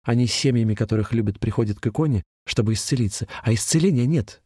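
A man's voice: mid-range voice, quick pace, mellow, husky, dry recording, clean studio sound, natural voice. A man voicing a fervent, feverish young ex-soldier who talks earnestly about a plague and hope.

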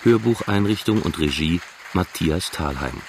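Deep-voiced male radio announcer. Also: unhurried, noisy background. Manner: formal, even announcing. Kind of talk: closing credits.

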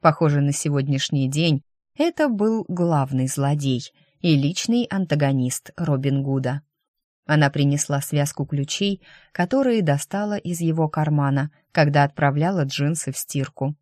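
A narrator reading a story aloud in an even, steady audiobook style. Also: medium pitch, normal speed, no echo, studio quality.

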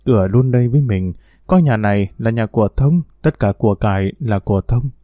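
A man's voice: on the low side, fairly quick, warm tone, no echo, clean studio sound, close to an everyday voice. A man voicing a flirtatious, haughty wealthy woman, coquettish with her lover and cold to her servant.

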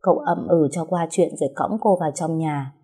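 A woman narrating a story in a steady, even way. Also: deep voice, brisk, husky.

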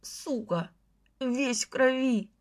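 A beaten, cowardly young man whines and snivels in a nasal voice, read out by a woman. He complains rather than fights. It is storybook dialogue, pitched on the high side for a man. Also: lively intonation, measured pace. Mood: whining. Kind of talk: audiobook dialogue.

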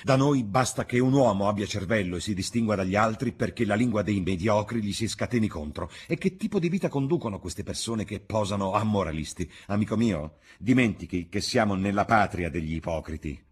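A man reading the part of an arrogant, scornful young gentleman in an audiobook, with a sneering, cutting manner. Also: fairly low pitch, expressive, a little fast, few pauses, slightly rough, pitched above the performer's own voice.

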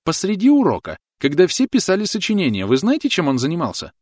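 A man putting on a shrill, indignant schoolteacher lady. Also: wildly swooping pitch, fast, a little mellow, no echo, studio quality, heavily acted. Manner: shrill, huffy and outraged. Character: prim indignant female schoolteacher.

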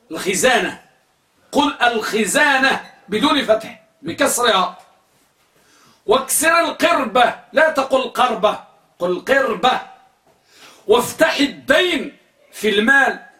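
A man's voice: high voice, sharp tone. A man giving a religious lesson, asking his listeners questions and repeating key words to drill their pronunciation. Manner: corrects pronunciation by drilling word forms. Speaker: religious teacher. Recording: echoey room, distant mic.

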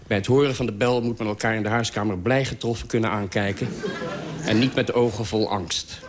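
A man's voice: on the low side, steady tone, brisk, a crowd in the background. A man reading out a humorous, self-mocking radio column in a dry, wry manner.

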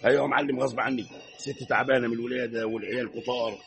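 A man playing a fast, gravelly Egyptian father. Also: medium pitch, fairly even intonation, background noise, natural voice. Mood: pleading. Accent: Egyptian Arabic. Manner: pleading, apologetic, then fussing. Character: harried young father of many daughters. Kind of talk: classic Egyptian radio drama acting.

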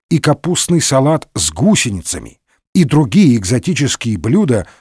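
A man narrating a comic story in an expressive, ironic storybook manner. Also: mid-range voice, slightly rough, no room sound, studio quality.

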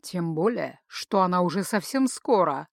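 A woman voicing a fastidious male werewolf warrior in a fantasy audiobook. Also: medium pitch, dry recording, studio quality, natural voice. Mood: pensive. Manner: pensive, then indignant.

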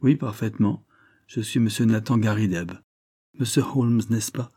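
A man's voice: fairly low pitch, normal speed, warm tone, slightly rough, dry recording, clean studio sound. A man reading the part of a lonely elderly man with a small, quavering voice. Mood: eager.

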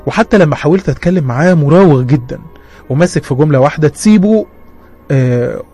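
Egyptian sheikh, narrator voicing him, stumbles and repeats words, talks quick. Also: male voice, on the high side, animated, mellow, slightly rough, soft background music. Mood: earnest. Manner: hesitant, halting, repeats himself. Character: earnest middle-aged male sheikh and exorcist.

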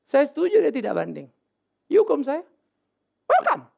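A male pastor preaching a sermon in a casual, animated way, with sudden loud outbursts and English words mixed in. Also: very high voice, moderate pace, gravelly. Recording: dull lo-fi sermon recording.

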